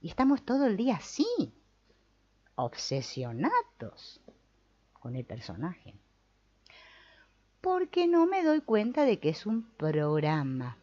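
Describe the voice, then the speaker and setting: A woman's voice: mid-range voice, slow, pauses often. A woman, teaching a spiritual talk on the mind and acting out inner voices. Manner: lively, acts out inner voices. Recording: slightly dull lo-fi sound.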